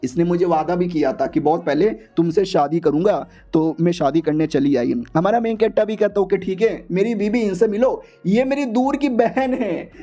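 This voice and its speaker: A young man retells a comic tale in a loose, slangy, playful way, jumping between characters as he goes. His voice sits high yet sounds mellow and soft-edged. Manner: playful, slangy, switches pitch for female characters. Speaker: manhua recap narrator. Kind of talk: casual storytelling recap, voicing all characters.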